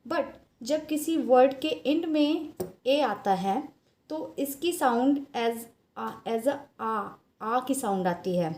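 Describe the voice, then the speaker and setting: A woman's voice: sits high, lively intonation, slow, a little mellow. A woman with an Indian accent teaching a phonics lesson, patiently explaining and spelling out letters one by one. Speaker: English teacher.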